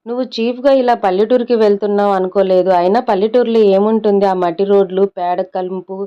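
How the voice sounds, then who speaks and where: A spoiled, snobbish young city girl, put on by a woman narrator sneers as she speaks. The voice is smooth and clean. The recording is dull and lo-fi. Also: medium pitch, fairly even intonation, fast, mellow, close to an everyday voice. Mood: mocking. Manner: scornful.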